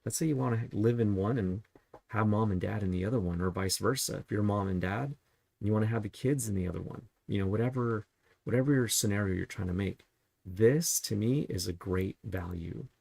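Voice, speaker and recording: A man's voice: fairly low pitch, brisk, gravelly, darkish tone, no echo. A man working as a real estate agent, casually talking through property listings in a chatty way and tossing out rhetorical questions. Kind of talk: casual market review while browsing listings.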